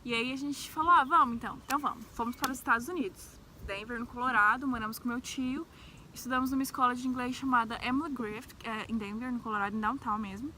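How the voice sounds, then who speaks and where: A young adult travel vlogger from Brazil, raised in Brasília, talks fast in a bright, fairly high voice with a central-west Brazilian accent. She tells a personal story in a casual, chatty way, sprinkling in little tags that seek agreement. The recording is rough, with faint background noise.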